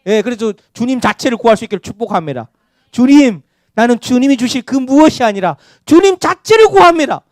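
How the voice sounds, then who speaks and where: A man's voice: extremely high pitch, a little fast, dry recording, clean studio sound. A male pastor preaching a Sunday sermon, calling for amens and having the congregation repeat after him. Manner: animated preaching with call-and-response amens. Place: church sanctuary.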